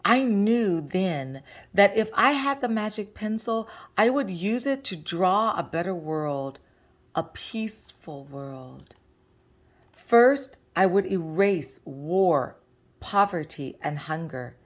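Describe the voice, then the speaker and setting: A woman with a medium-pitched voice reads a picture book aloud to children as a storyteller. Her phrasing is deliberate and expressive.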